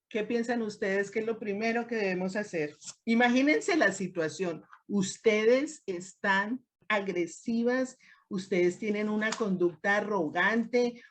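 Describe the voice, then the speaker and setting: A woman leading a women's discipleship class, teaching in a lively way and acting out quoted speech. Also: medium pitch. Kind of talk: teaching a group discussion.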